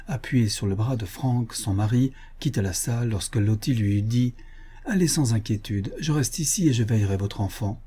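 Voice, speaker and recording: Low, husky male audiobook narrator. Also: dark tone. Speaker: audiobook reader.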